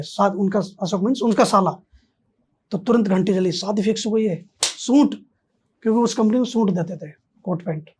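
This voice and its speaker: Husky man telling a lively story. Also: high-pitched. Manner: animated, acts out both sides of dialogue. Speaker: podcast guest. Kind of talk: storytelling in casual conversation.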